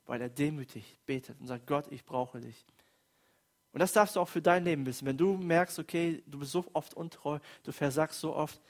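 A man delivering a sermon with earnest emphasis. His voice sits a bit higher than most men's. He rises and falls as he acts out quoted lines. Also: fairly quick, few pauses. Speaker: preacher.

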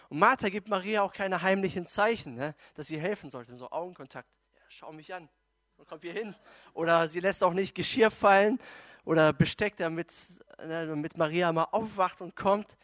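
Lively high-voiced German preacher man. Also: no room sound. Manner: lively storytelling, acting out quotes; addresses the congregation with rhetorical questions. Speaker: pastor. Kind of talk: sermon.

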